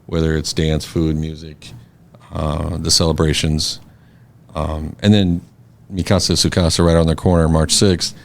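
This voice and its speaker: As a guest on a casual podcast, the board president of a scholarship foundation reflects in an easygoing way, full of fillers and restarts. His bass voice is gravelly and flat, moving at a measured pace.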